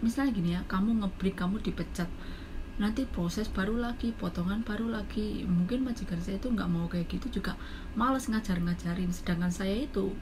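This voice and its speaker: An Indonesian woman in her thirties with a Javanese accent, telling a personal story in a casual vlog, animated and acting out the people she quotes. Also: a little fast. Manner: animated, jumps into high-pitched quoted voices. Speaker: domestic worker vlogger. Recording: noisy background.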